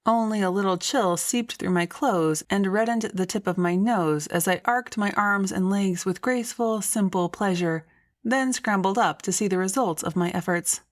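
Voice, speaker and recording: A woman's voice: mid-range voice, moderate pace. A woman reading scripted first-person story narration as an audiobook narrator.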